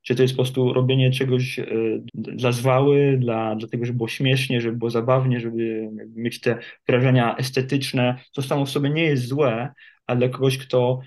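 A man, an addiction therapist, answering interview questions in a measured, reflective way with many hesitations. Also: mid-range voice, little pitch movement, darkish tone. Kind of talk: interview guest.

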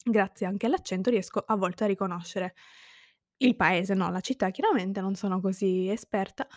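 A woman from Sicily talks straight to camera in an earnest, reflective monologue, weighing her thoughts as she goes. Her voice sits at an ordinary middle pitch, and the recording is dry and close, with no room sound. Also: normal speed, dry recording. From Sicily, Italy. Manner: earnest, reflective, thinking aloud. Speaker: vlogger. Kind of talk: personal monologue.

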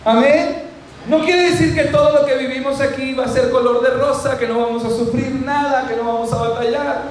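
Fairly quick and very high-pitched, with fairly even intonation, this male pastor delivers a fervent sermon. He addresses the audience directly, frequently calls out amen, asks people to speak to the person next to them and has them repeat phrases. The recording has a little hiss or hum in a very echoey room with faint ambience.

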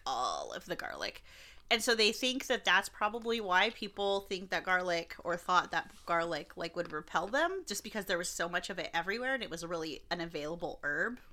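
A young woman co-hosting a casual snacking podcast, giggly and animated, telling a legend. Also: mid-range voice. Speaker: podcast co-host. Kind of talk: casual chat and storytelling.

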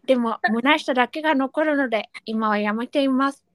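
A woman voicing a bashful young man with missing back teeth, reading a fan letter slowly and carefully. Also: high-pitched, no echo, lightly acted. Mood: earnest.

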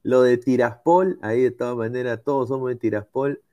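A man's voice: mid-range voice, a little fast, mellow, no room sound, highs cut off. A man with a Peruvian accent co-hosting a casual sports talk show in a slangy, conversational way.

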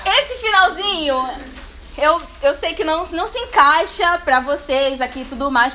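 Bright, high-voiced woman pastor preaching. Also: slight background noise. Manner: lively, playful, talks straight to the audience. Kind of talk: sermon at a church leadership meeting. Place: church meeting room with a live audience.

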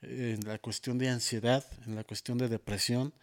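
A man's voice: mid-range voice, little pitch movement, moderate pace. A man with a Mexican Spanish accent, a guest in a casual interview, telling his testimony with many fillers and quoted dialogue. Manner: storytelling, quotes himself and others, many fillers. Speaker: interview guest, worship musician.

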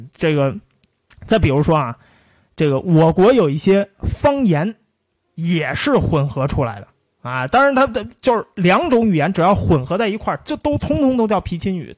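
A history lecturer with an animated, high voice gives a casual spoken lecture, telling it as lively storytelling with playful mock pronunciations. There is no room sound.

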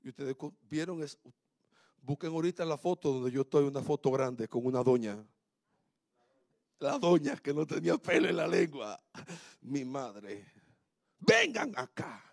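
A man with a notably high voice preaches a sermon, pressing his points hard and then dropping to a hush. The sound is close and dry, with almost no room around it. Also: moderate pace, gravelly, no room sound. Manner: emphatic preaching, swinging from loud exhortation to hushed tones. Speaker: pastor.

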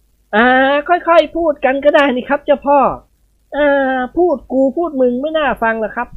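A woman's voice: high voice, moderate pace, phone-quality sound, voice pushed up, close to an everyday voice. A woman voicing a nervous young man who pleads politely and trembles, in an audiobook reading. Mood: placating.

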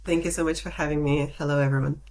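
A woman from Lithuania in her thirties, a podcast guest answering interview questions in a measured, articulate way. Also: sits low, steady tone, a little mellow, poor audio. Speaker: podcast guest, data protection officer.

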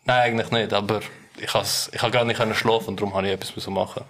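A man's voice: fairly low pitch, level tone, racing, fairly bright tone. A young man with a Swiss German accent telling rambling anecdotes in a casual chat with friends. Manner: rambling anecdotes with frequent tag questions. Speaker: podcast co-host.

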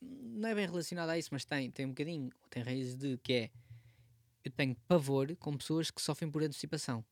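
A young man with a European Portuguese accent talks in a high voice at a quick pace. He chats casually in slang, mimicking other people and dropping in bits of English. The recording is dry. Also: no echo. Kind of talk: casual chat.

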